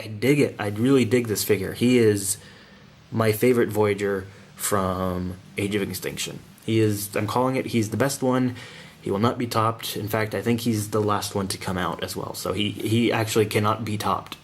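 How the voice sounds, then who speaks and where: Male toy reviewer, slightly deep voice, relaxed hands-on delivery, slangy and keen. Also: normal speed, a little hiss or hum. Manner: informal, slangy, enthusiastic. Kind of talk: casual hands-on video review.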